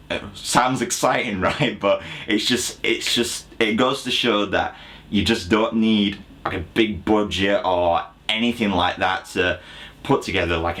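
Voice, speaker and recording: A young man chatting casually to camera at home, answering questions from viewers. His voice is low and deep. He rambles, restarts often and makes fun of himself. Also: a bit bright. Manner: rambling, full of fillers and restarts, self-deprecating. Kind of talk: casual chat. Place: indoors at home.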